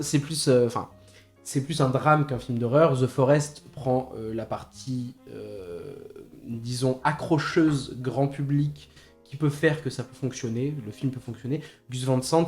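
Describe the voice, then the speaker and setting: With a mid-range, slightly mellow voice, a man discusses films in a relaxed way on a podcast he co-hosts, hesitating and repeating himself as he thinks. The recording is a bit roomy, with music in the background.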